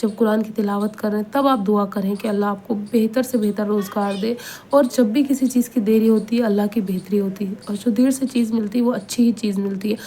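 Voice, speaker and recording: A woman's voice: medium pitch, fairly even intonation, mellow. A woman giving an Islamic motivational advice talk, earnest and repetitive, pleading with listeners and often checking they agree. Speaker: advice speaker.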